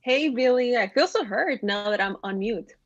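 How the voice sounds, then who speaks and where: A woman's voice: a little high, expressive, normal speed, dry recording, highs cut off. A woman from Ecuador, a graphic designer, chatting as a guest on a video call in a talkative, enthusiastic way. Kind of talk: casual video-call chat.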